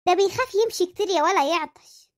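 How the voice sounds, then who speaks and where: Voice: very high voice, quick pace. Someone voicing a gossipy Egyptian cartoon mom. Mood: teasing. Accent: Egyptian Arabic. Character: nosy doting Egyptian mother, middle-aged woman. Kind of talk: cartoon voice acting.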